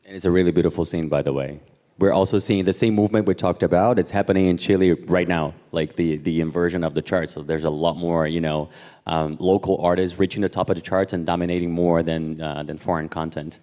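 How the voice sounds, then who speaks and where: A man speaking as a panelist in a conference discussion, in a relaxed conversational way. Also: low voice, brisk, in a large hall.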